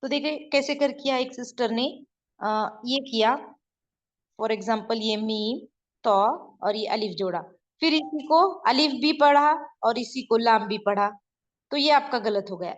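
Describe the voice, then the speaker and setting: A woman with a slightly high voice, speaking a little slowly, teaches Urdu script online, explaining as she draws letters on a board. She is patient, repeating herself and often checking that her students are following. The sound is dull and lo-fi.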